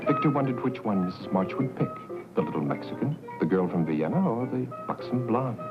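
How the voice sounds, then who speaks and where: A man giving slow, ominous scripted narration for an old film. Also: mid-range voice, expressive, lightly acted. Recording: dull old film soundtrack with music.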